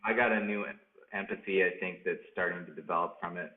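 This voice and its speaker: Low-voiced man on a tinny, echoey line. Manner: easygoing, agreeable, quick to laugh along. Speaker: podcast host. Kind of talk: casual chat. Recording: tinny phone-like sound in an echoey room.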